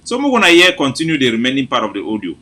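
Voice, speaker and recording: A Cameroonian man hosting an informal political briefing in Pidgin English, repeating himself in an animated, mocking manner. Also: medium pitch, racing. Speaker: host.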